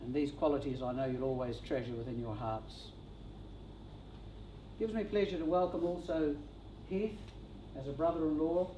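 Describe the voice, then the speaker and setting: A man leading a funeral service, thanking speakers gently and introducing the next ones. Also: fairly high pitch, slight background noise. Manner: gentle, measured. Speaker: funeral celebrant. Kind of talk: formal ceremony hosting. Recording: echoey room from a distance.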